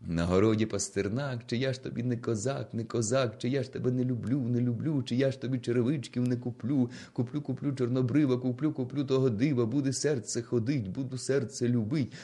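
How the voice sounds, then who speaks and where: A man's voice: mid-range voice, steady tone, fairly quick, few pauses, mellow, close to an everyday voice. A man voicing a blind old minstrel who chants a rhythmic, bawdy folk dance song. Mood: jaunty.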